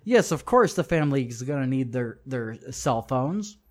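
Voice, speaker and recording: A man's voice: medium pitch, big pitch swings, moderate pace, darkish tone. A man teaching a class, reading from a book and commenting on it in an emphatic way, repeating phrases for stress and speaking straight to his listeners. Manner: addresses listeners directly. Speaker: religious teacher.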